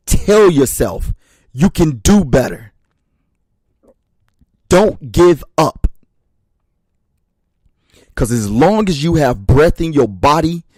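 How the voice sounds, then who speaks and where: Male motivational speaker, slightly high voice, slow and deliberate delivery, emphatic refrains, dry close sound. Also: darkish tone, no room sound. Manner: emphatic, repeats short refrains; addresses listeners as brothers and sisters. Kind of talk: motivational speech.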